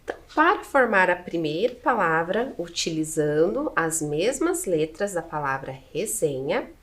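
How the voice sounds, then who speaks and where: A woman's voice: fairly low pitch, very animated, unhurried, a bit bright. A Brazilian woman teacher with a Brazilian Portuguese accent, patiently spelling out letters and syllables one by one in a video lesson.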